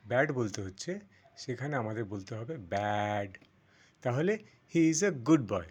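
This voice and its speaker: A man teaches an English pronunciation lesson, taking it very slowly and deliberately. He repeats each word several times and stretches its sounds out. His voice sits at an ordinary middle pitch. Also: breathy edge. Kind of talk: slow step-by-step pronunciation lesson.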